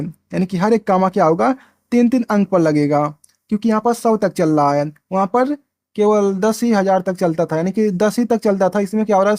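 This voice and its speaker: A man's voice: high-pitched, a little mellow, no room sound, studio quality. A man teaching a maths lesson step by step, asking and answering his own questions and repeating himself. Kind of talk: explaining at a board, step by step.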